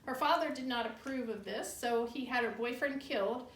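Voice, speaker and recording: Woman tour guide, higher voice, creaky edges, conversational storytelling, matter-of-fact, roomy distant recording. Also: normal speed. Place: indoor room of an old bar building. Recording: roomy echo, distant mic, faint noise.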